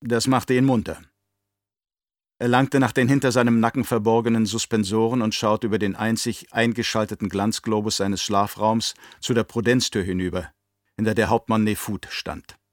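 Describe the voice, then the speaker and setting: A man narrating an audiobook in a steady, measured storytelling voice. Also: on the low side, no room sound, studio quality. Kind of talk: scripted narration.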